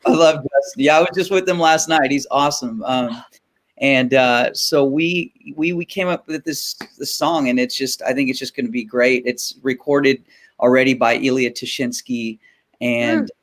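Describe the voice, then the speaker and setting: A man's voice: medium pitch, steady tone, normal speed. A man, a singer-songwriter guest, telling a casual story with many fillers and restarts.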